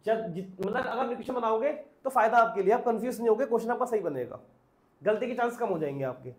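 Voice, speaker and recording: A man with a fairly high voice gives an accounts lesson at a brisk clip. He poses questions to the class and answers them himself. The sound is roomy, with a noticeable echo. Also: expressive, a little mellow. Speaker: accounts teacher. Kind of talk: classroom lecture.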